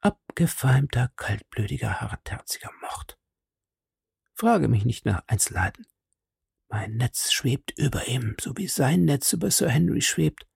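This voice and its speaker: A man reading an audiobook and voicing a sharp, commanding male detective, lifting his voice above his own and often dropping to a hushed whisper. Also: mid-range voice, big pitch swings, moderate pace, creaky, no echo, clean studio sound, voice pushed up. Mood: whispered urgency.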